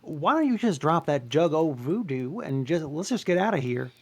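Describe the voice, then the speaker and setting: A performer reading a chatty, anxious male donkey sidekick at a table read, fast and fretful. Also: medium pitch, sing-song.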